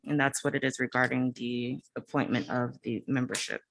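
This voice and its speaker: A woman's voice: very deep voice, fairly even intonation, normal speed, creaky. A woman board member at a public meeting, reading aloud, her voice muffled as if heard through a wall.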